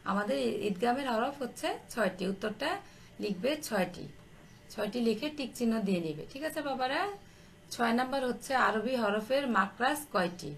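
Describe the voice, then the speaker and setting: Slow-dictating woman teacher, higher voice. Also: animated, gravelly. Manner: slow, repetitive dictation, addresses pupils affectionately. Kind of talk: online class lesson, dictating answers.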